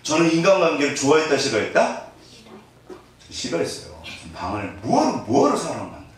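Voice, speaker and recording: Very animated male pastor in an echoey hall. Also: a little high, fast. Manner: lively, joking, acts out little scenes. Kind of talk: sermon. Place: church hall. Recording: echoey hall, mic at a distance, faint noise.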